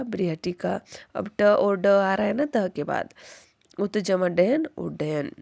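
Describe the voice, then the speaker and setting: A woman teaching grammar at an unhurried pace. Her voice is low and has a gravelly edge. She keeps turning each rule into a question and answering it. The recording is dry, with no room sound. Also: darkish tone, no echo. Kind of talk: Hindi grammar lesson.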